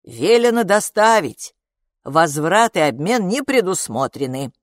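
A woman's voice: fairly low pitch, sing-song, measured pace, no echo, studio quality. A woman reading an audiobook, voicing a nervous male courier who speaks in clipped, matter-of-fact phrases. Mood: curt. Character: nervous adult male courier, curt and official. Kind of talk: audiobook character voice.

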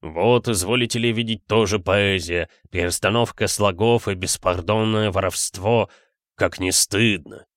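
Man doing a revolutionary poet-geologist, slight burr, unhurried scornful talk, lowish voice. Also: a bit bright, no room sound, studio quality.

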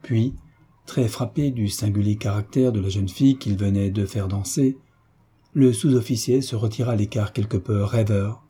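A man narrating a classic novel as an audiobook, measured and steady. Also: on the low side, breathy edge.

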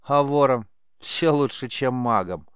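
A man's voice: medium pitch, animated, measured pace, a bit bright, clear, resonant tone, no echo, clean studio sound. A man voicing a cocky, cynical young thief boy who talks in a streetwise, boastful way.

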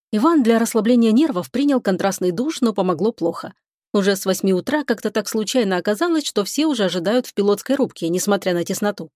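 A woman's voice: medium pitch, no echo. Woman narrating an audiobook, dry close sound. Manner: even, measured storytelling.

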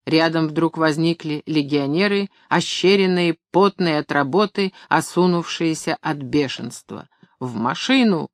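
A man reading a novel aloud in an even, measured storytelling voice. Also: a little high, dry recording. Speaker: audiobook narrator. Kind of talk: scripted narration.

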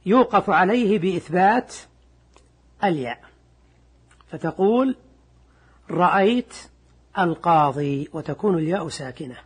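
Teaching classical Arabic grammar, an older man speaks in a husky, high-pitched voice. He is measured and repetitive with key words, reading any quoted material slowly.

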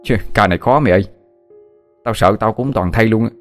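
A man's voice: fairly low pitch, brisk, faint music behind, lightly acted. A man voicing a blunt, grumpy young male student, talking dismissively. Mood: amused. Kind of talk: audiobook character voice.

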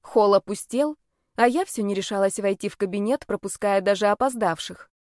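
A woman narrating a first-person fantasy novel in a lively, wry manner. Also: mid-range voice, moderate pace, no room sound, studio quality. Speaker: audiobook narrator.

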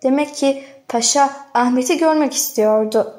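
A woman narrating a literary novel as an audiobook, reading in a measured, dramatic way. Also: high-pitched, a little mellow, soft background music.

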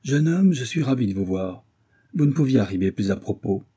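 A man's voice: medium pitch, expressive, a little fast, mellow, slightly rough, no echo, studio quality. A man reading an impetuous old American. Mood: exclamatory. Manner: impetuous, exclamatory. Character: excitable old American grandfather.

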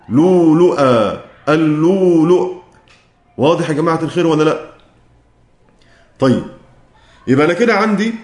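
A man with an Egyptian accent gives a classroom lecture in a somewhat high voice. He draws out verse lines in a slow chant and turns to quiz his listeners. The recording is echoey and roomy. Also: a little mellow. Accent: Egyptian Arabic. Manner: chants verse lines slowly, quizzes the students. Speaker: lecturer on Quran recitation.

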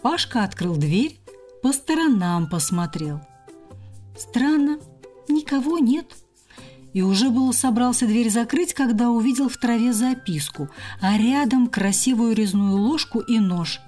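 Woman, children's story narration, raised pitch, faint music. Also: normal speed. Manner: gentle, expressive storytelling.

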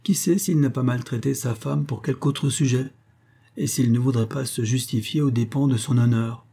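A man's voice: mid-range voice, normal speed, vocal fry, mellow, husky. A man reading the part of an older mother who earnestly pleads with her sons to spare her daughter. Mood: pleading.

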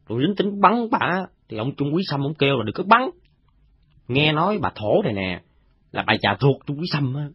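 A gossiping, boastful soldier played by a man spins his tale in a Southern Vietnamese accent, his husky voice rising and falling in lively swings. He talks roughly and chattily, with his loudness jumping up and down. The audio drama is recorded dry and sounds dull and lo-fi. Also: fairly high pitch, dry recording. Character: gossiping rank-and-file male soldier, coarse and boastful.

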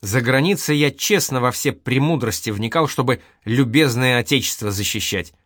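A man's voice: medium pitch, moderate pace, a bit bright, dry recording, clean studio sound, close to an everyday voice. A man voicing an eager young soldier who speaks heatedly and proudly. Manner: heated, boastful.

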